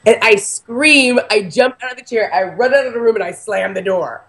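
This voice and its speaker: A woman in her forties excitedly telling a personal story to a host, emphatic and chatty, full of "like". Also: on the high side, moderate pace. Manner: animated, emphatic, heavy use of "like".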